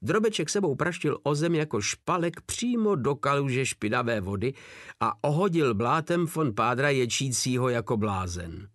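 A man narrating an audiobook in a steady storytelling manner. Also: mid-range voice, no room sound, studio quality.

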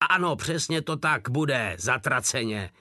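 A man's voice: animated, bright, forceful tone, no room sound, clean studio sound. A man voicing a nervous, pompous German sergeant who blusters and panics. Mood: blustering. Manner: nervous and shrill.

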